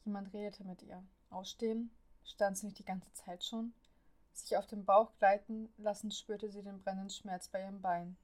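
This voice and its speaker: A woman reads a story aloud as an audiobook narrator. Her pitch barely moves, keeping each line level and even from one sentence to the next. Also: normal speed.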